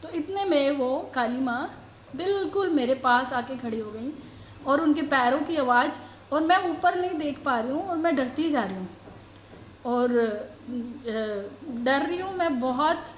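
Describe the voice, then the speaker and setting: A middle-aged woman telling the congregation about a devotional dream, slow and halting as she searches for words. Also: high voice, lively intonation, a little hiss or hum. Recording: roomy echo.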